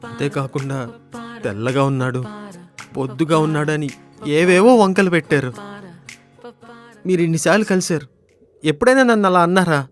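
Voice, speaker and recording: An actor playing a shy, earnest young man in love, speaking softly and pleading. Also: on the high side, normal speed, pauses often, faint music behind, lightly acted. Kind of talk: romantic comedy web series acting.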